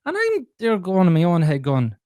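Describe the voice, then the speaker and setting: A man telling his life story as a podcast guest, blunt and animated, swearing freely. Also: high-pitched, moderate pace, dry recording. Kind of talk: candid conversational storytelling.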